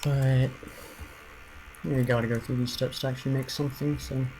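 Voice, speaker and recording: Man, gravelly voice, mid pitch, casual gameplay commentary, rambling, restarts, faint background noise. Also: flat delivery, moderate pace. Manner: rambling, thinking aloud with many restarts. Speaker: streamer.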